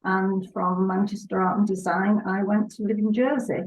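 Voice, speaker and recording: An older woman from England speaks as a guest on a video call interview. Her voice sits at a middle pitch, and she reminisces gently with small pauses and restarts. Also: flat delivery, slight background noise, low-quality recording. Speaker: guest, artist. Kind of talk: interview chat.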